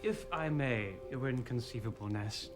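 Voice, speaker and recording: A man's voice: medium pitch, moderate pace, close to an everyday voice. Man playing a groveling demon minion. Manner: fawning, overly formal. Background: loud TV score music.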